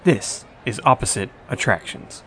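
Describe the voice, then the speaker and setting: A man reads out a paging announcement in a calm, level announcer's voice. His pitch sits in the ordinary middle range for a man. He speaks evenly and smoothly, like a call over a lobby speaker. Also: measured pace, music in the background. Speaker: podcast co-host.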